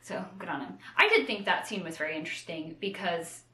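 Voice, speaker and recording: A book discussion show's co-host, a woman, chats casually about books, retelling plots with animation and tossing in playful slangy asides. Her voice is bright yet fairly low-pitched and brisk, and it carries a roomy echo.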